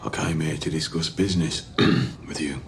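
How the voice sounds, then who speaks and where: An actor with a Birmingham accent playing a composed gang leader who speaks tersely, levelly and with tight control. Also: male voice, a bass voice, steady tone, normal speed, noisy background. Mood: cold. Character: cold, composed Birmingham gang leader, young adult man.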